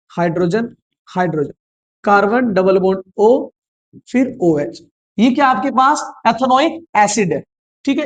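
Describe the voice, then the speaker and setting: A male teacher giving an online science lesson, repeating questions and answers in a coaxing, reassuring way. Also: extremely high pitch. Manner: repetitive quizzing, calls students "beta". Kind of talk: online class lecture.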